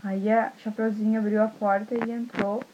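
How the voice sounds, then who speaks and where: A woman telling a bedtime story to a child, lively, and often asking the listener questions. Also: medium pitch, moderate pace, lo-fi sound, noisy background.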